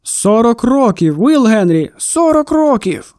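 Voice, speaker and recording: Brief: storybook shopkeeper, chubby, jolly and teasing; male reader putting him on, smooth tone, dry close sound. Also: very high-pitched, animated, normal speed, dry recording. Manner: hearty exclamations, theatrical teasing.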